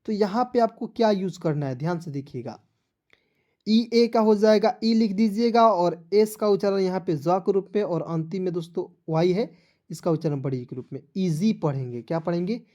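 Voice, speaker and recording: Male phonics teacher, mellow warm tone, spells slowly and quizzes viewers repeatedly. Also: high-pitched, expressive. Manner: spells words letter by letter, then quizzes viewers; patient, repetitive explaining. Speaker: English teacher. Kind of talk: online phonics lesson.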